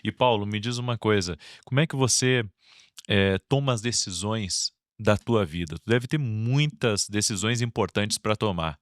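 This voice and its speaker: Guy interviewing someone, lowish voice, warm encouraging questions, dry close mic. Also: moderate pace, dry recording. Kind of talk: conversational interview.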